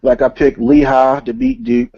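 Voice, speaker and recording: Boastful, slangy man with a gravelly voice. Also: fairly high pitch, big pitch swings, normal speed, warm tone, dry recording. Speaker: co-host. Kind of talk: casual sports talk. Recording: dull lo-fi recording.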